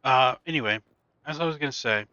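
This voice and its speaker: Man game streamer, casual rambling chat, bright forceful tone, dry sound, talks while eating. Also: medium pitch, clean tone, no room sound, lo-fi sound. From not from the US. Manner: rambling, halting, many fillers and restarts.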